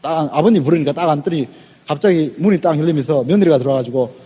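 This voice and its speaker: A man telling a motivational story to an audience, acting out the dialogue and breaking into shouts. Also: a little high, fast, breathy edge, long reverb tail. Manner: animated, acts out quoted dialogue, bursts into shouts; hot-tempered. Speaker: sales business presenter.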